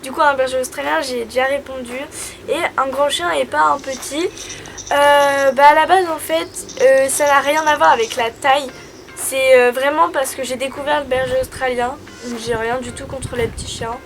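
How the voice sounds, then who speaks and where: A woman's voice: high voice, steady tone, moderate pace, slight background noise. A young woman from France chatting casually as a dog-owner vlogger, reading viewer questions aloud and answering them in a chatty, hesitant way. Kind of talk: casual FAQ chat. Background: background music.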